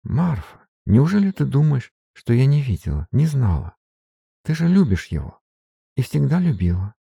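A man doing a gentle, firm young lady. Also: medium pitch, sing-song, normal speed, gravelly, breathy edge, no room sound, clean studio sound, pitched above the performer's own voice, exaggerated voice. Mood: tender.

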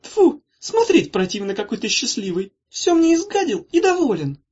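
Man playing a young woman, shrill and shrieking, quick to fury, very high, husky edge, audiobook voice. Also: wildly swooping pitch, darkish tone, heavily acted. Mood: sulky, tearful. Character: young woman, excitable, quick-tempered sister. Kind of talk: audiobook character voice. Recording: dull lo-fi recording.

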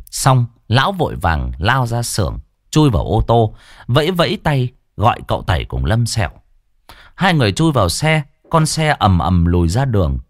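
A man narrating a story in a lively, animated reading. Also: on the low side, dry recording, clean studio sound. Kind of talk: scripted horror story narration.

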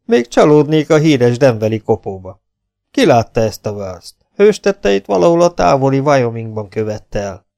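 A man's voice: mid-range voice, very animated, vocal fry, darkish tone. A man voicing a cocky, self-assured outlaw gunslinger who taunts his opponents. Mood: mocking. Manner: mocking, self-assured and teasing.

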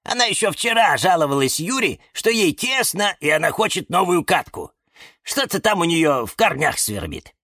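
A man's voice: on the high side, sing-song, normal speed, sharp tone, no echo, clean studio sound, voice pushed up, full character voice. A man voicing a chatty, distracted male lemon in a storybook. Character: busy chatty male lemon, new father.

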